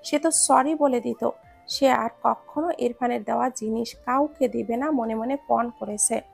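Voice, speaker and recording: A woman narrating a romance story in a steady storytelling manner. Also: fairly high pitch, measured pace, gravelly, slightly rough, faint music behind.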